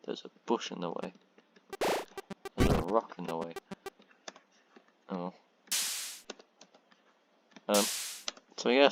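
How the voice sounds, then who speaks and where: A man with a monotone voice giving rambling, self-deprecating commentary on his own gameplay, full of ums. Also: low voice. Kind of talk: casual let's-play commentary. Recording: loud background noise and keyboard clicks.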